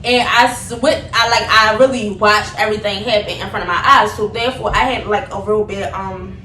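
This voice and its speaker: This young woman, a vlogger, narrates a story briskly in a medium-pitched voice, acting out each bit of dialogue in an animated way. The sound is roomy and noisy, recorded from a distant microphone.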